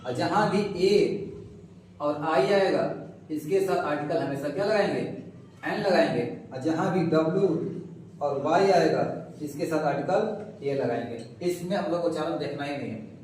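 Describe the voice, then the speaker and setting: A man teaching a grammar lesson, slowly repeating sounds and asking questions that he answers himself. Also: on the high side, a little mellow. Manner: drills sounds slowly, asks and answers his own questions. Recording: echoey room, mic far off, faint noise.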